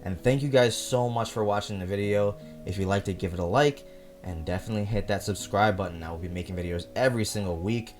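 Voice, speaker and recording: A man's voice: on the low side, quick pace, darkish tone, faint music behind. A young man hosting a video essay, reading scripted commentary.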